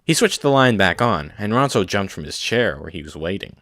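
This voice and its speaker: A man narrating a science-fiction audiobook in a steady, measured way. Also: lowish voice, no room sound, studio quality.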